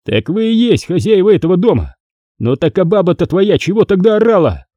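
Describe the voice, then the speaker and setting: Guy doing a short-fused squad guy, snaps back curt, raised dark voice, audiobook. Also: sits high, very animated, fairly quick, no echo, pitched above the performer's own voice. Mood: irritated. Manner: curt barking retorts.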